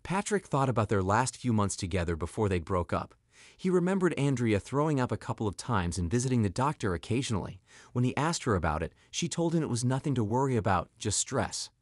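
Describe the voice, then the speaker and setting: A man narrating a scripted story in an expressive storytelling manner. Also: mid-range voice, fairly quick, dry recording, studio quality.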